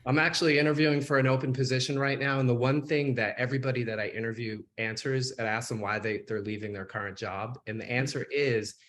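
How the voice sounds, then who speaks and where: A man hosting an interview with an energetic, conversational way of talking. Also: medium pitch, fast, hardly any pauses. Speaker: podcast host. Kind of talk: casual interview chat.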